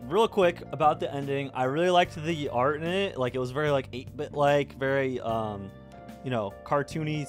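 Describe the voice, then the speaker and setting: Excitable young man reacting to anime. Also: medium pitch. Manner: excitable, laughs often, bursts into loud exclamations. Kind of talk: casual reaction commentary. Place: home room with a red-walled display shelf, indoors.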